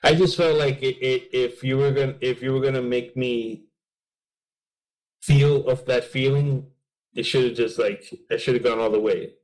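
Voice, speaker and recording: A man's voice: mid-range voice, fairly even intonation, measured pace, a little mellow, poor audio. A man co-hosting a podcast in a casual chat, rambling with lots of fillers and acting out little scenes. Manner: rambling, full of fillers and acted-out asides. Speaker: podcast co-host.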